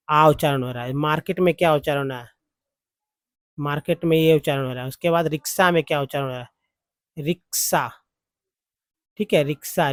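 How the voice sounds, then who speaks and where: A man's voice: fairly high pitch, dry recording. A man teaching a lesson in a patient, repetitive way, with many fillers. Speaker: English teacher. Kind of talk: spoken Hindi lesson on English vowel sounds.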